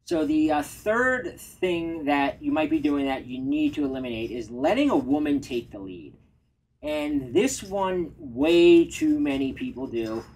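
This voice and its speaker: A man giving dating advice in a measured, reflective casual chat. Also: fairly high pitch, very animated, a little mellow, rough recording. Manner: measured, reflective, self-disclosing. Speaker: dating coach.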